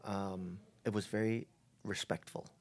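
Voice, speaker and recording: A middle-aged man speaks as an interview guest in an easy conversational way. His voice sits low, and he often stops and restarts his sentences as he thinks. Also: steady tone, a little mellow. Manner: reflective, halting, with many fillers and restarts. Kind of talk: casual conversation.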